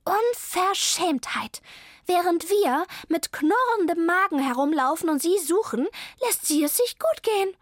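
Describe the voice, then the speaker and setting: A high, shrill female cat from a children's audiobook, quick to outrage and sprinkling her protests with meows, as a woman puts her on. The voice climbs far above the narrator's usual pitch and stays close and dry on the mic. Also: sing-song, a bit bright, no echo, exaggerated voice. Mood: outraged. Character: excitable indignant female cat.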